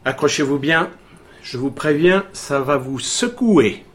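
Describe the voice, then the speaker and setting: A man plays a teasing investigator who draws out his news to keep the group waiting. His mid-range voice rings off a roomy, echoey space with a low rumble. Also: moderate pace, lightly acted. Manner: teasing, builds suspense.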